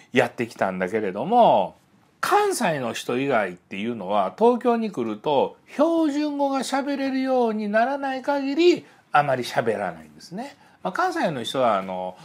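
A man giving a psychology lecture, telling stories in an animated way and voicing the people in them. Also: a little high. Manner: animated storytelling, voices the people in his stories. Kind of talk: spoken lecture with acted-out dialogues.

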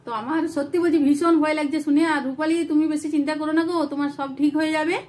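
A woman's voice: high voice, level tone, darkish tone. A woman vlogging in earnest, casual chat to camera from a room at home, with a cold and a sore throat. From West Bengal, India. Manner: chatty, earnest, talks fast.

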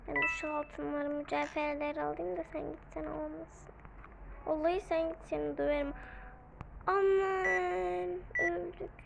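A woman giving playful, excitable commentary while playing a video game, often shrieking and counting aloud. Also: sits high, normal speed, creaky, noisy background. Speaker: gaming video creator. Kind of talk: casual gameplay commentary. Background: game music.

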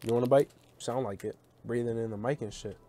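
A man's voice: mid-range voice, fairly even intonation, fast, warm tone, slight background noise. A young man hosting a stream, teasing and roasting strangers in casual video chat banter. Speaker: streamer host. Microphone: desk microphone.

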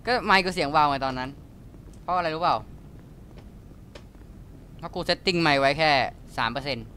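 A man's voice: on the high side, brisk, bright, forceful tone, a little hiss or hum. A young man hosting his gaming channel, chatting casually and playfully with a friend while playing, joking and swearing in fun. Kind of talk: casual let's-play chat with a friend.

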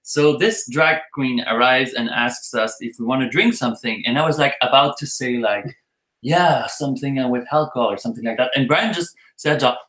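A man's voice: medium pitch, normal speed, a bit bright, reverberant, poor audio. A man casually telling the story of how he met his partner, chatty and playful. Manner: chatty, playful, laughs often. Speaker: co-host telling their story.

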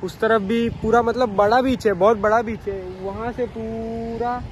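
Here the same kind of moto vlog: a young man, very high-voiced and steady, speaks at a measured pace, his casual commentary full of little fillers. Recorded on a helmet-mounted phone outdoors, the clip carries heavy traffic and wind noise, moving from dusty roads to the seaside.

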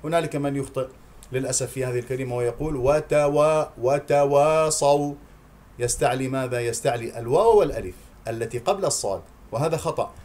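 A man teaching correct Quran pronunciation, drawing out syllables slowly in demonstration and patiently correcting common mistakes. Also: mid-range voice, a little mellow. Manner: slow drawn-out demonstrative recitation of syllables. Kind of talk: tajweed pronunciation lesson.

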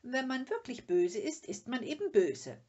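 A tiny, cheeky girl creature with a high, piping voice, as a woman reading a storybook puts her on. She speaks bluntly and with a mocking edge. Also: very animated, normal speed, a little mellow, lo-fi sound. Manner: blunt, matter-of-fact, mocking.

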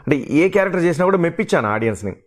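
In a fairly high, sing-song voice and at a rapid-fire clip, this middle-aged actor and mimic gives an emotional interview. He sounds hurt yet earnest as he lays out a long list of parts he's performed.

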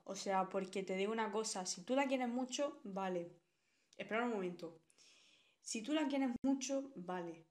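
A young woman from Spain with a Spanish accent, chatting bluntly with viewers on a live stream and reading out their comments. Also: medium pitch. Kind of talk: casual live-stream chat.

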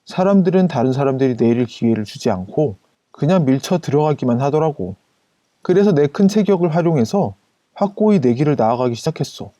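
A man narrating a first-person anecdote as scripted storytelling, in an even, casual retelling style. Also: on the high side, fairly quick, dry recording.

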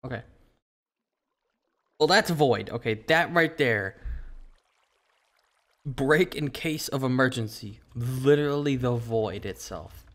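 A man hosting a casual game commentary who swears a lot and swings from panic back to calm. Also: mid-range voice, slow pace, pauses often. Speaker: gaming channel host. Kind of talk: casual let's-play commentary.

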